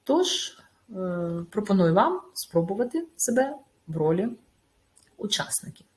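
A woman teacher giving a recorded video lesson. She explains step by step in a measured way, with small hesitations. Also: mid-range voice, very animated. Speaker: school teacher.

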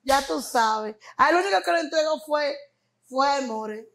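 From the Dominican Republic and speaking with a Dominican Spanish accent, this interview guest has a high, fairly bright voice with lively intonation and an unhurried pace. She tells animated stories full of laughs and acted-out quotes, though the audio is poor.

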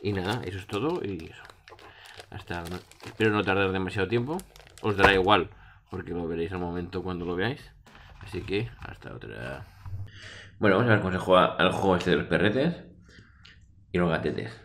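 A man's voice: low voice, lively intonation, a little fast, long pauses, a bit bright, a little hiss or hum. A middle-aged man with a Spain Spanish accent casually explains game rules in a rambling, colloquial way. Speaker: board game reviewer. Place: small room indoors. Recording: roomy echo.

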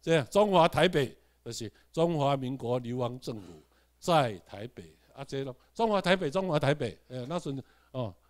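A man from Taiwan, giving a classroom lecture. He asks the room rhetorical questions, has the class repeat words after him, and swings between loud emphatic bursts and quiet asides. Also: mid-range voice, lively intonation, moderate pace.

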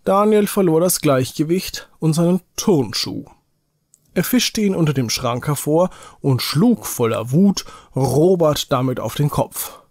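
A man reading an Advent story for small children aloud, slowly and with care, in a home recording. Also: on the high side, animated, darkish tone, no echo, studio quality.

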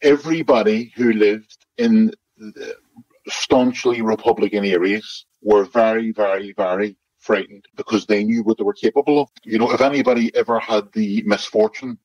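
Interview guest: man in his fifties, identity-disguised deep voice, low and dry, rambling delivery. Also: fairly even intonation, moderate pace, a little mellow, breathy edge, no echo. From Northern Ireland, West Belfast. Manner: rambling, hedged with frequent "like, you know". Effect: voice altered to disguise identity, deep and muffled. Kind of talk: remote interview. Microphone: remote secure connection. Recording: lo-fi disguised call audio.

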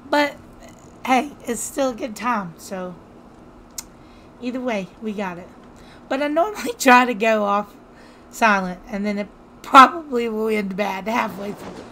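A young woman with a slightly crackly voice, chatting casually and excitably while playing a game, laughing at her own misses. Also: fairly high pitch, measured pace, long pauses. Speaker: gaming streamer. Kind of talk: casual let's-play commentary.

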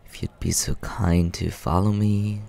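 Man playing Scaramouche, a deep, creaky, suave vampire. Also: fairly even intonation. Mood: flirtatious, teasing. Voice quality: low, creaky, soft. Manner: unhurried, smooth-mannered, teasing. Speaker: ASMR roleplay performer. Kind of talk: soft ASMR roleplay, addressing the listener.

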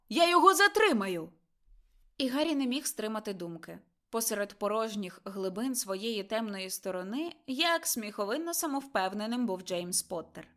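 A woman narrating a dramatic audiobook, expressive and slowing for tense moments. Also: mid-range voice.

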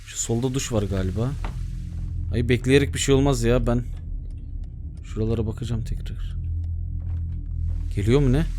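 A young man giving excitable let's-play commentary, muttering to himself and bursting into shouts. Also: medium pitch, moderate pace, long pauses, soft background music. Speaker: gaming YouTuber.

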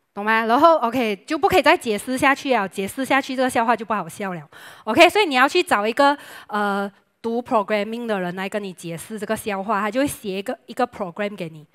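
A young woman preaching a lively sermon with jokes, chatty and playful, dropping English words into her talk. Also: a little high.

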